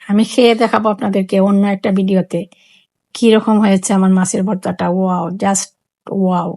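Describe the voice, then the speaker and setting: A woman's voice: mid-range voice, fairly even intonation, quick pace, vocal fry, a little mellow. Chatty woman with a Sylheti accent. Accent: Sylheti Bengali. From Sylhet, Bangladesh. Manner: chatty, repeats phrases, explains each step. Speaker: cooking vlogger. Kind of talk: casual cooking demonstration.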